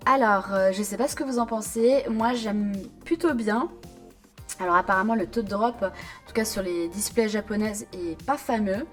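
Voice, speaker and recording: A woman's voice: medium pitch, moderate pace, faint music behind. A woman YouTuber giving casual, chatty commentary, hesitant and full of fillers and self-corrections. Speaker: card-collecting YouTuber.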